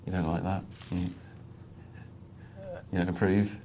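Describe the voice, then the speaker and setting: A man's voice: sits low, flat delivery, a little slow, background noise. A man commentating live poker with dry, self-mocking humour and banter.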